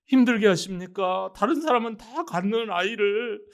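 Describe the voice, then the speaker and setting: A man's voice: high-pitched, animated, moderate pace. A male pastor voicing an anguished childless woman who pleads with God in tearful prayer. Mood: pleading. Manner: pleading, wailing cry.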